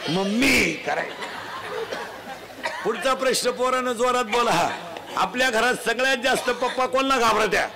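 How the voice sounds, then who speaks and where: A man giving a humorous moral sermon to a festival crowd, teasing and quizzing the children loudly. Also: very high voice, animated, moderate pace, long pauses. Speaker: folk preacher addressing a crowd. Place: outdoor festival gathering. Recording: noisy live crowd recording.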